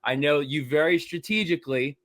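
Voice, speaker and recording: A man's voice: fairly high pitch, a little fast, fairly bright tone. A man from New Jersey hosting a sports podcast, chatting casually with rambling, teasing rivalry jokes. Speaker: podcast host.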